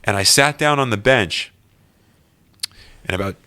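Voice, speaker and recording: Male guest, deep voice, earnest and animated storyteller. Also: measured pace. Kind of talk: personal story in an interview.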